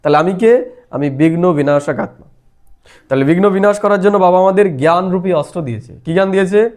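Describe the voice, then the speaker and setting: Male spiritual teacher, high-pitched, patient explanatory delivery with frequent rhetorical questions. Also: fairly quick, darkish tone. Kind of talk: devotional explanation of a daily lesson.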